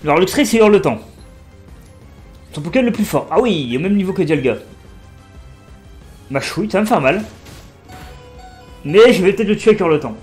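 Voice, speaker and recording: Man in his 20s, let's play commentary, excitable, talks to viewers, slightly high voice. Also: brisk, pauses often, soft background music. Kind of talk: casual gameplay commentary.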